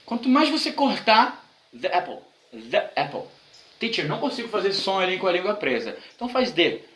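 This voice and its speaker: A man's voice: high-pitched, big pitch swings, fast, fairly bright tone, roomy sound, rough recording. A man from Brazil teaching an online English grammar lesson, explaining patiently and repeating examples.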